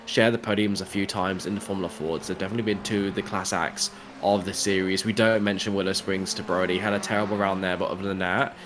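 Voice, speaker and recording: A man's voice: low-pitched, steady tone, fast, hardly any pauses, noisy background. Chatty man commentating a race. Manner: chatty, jokey, analytical. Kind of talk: sim racing commentary.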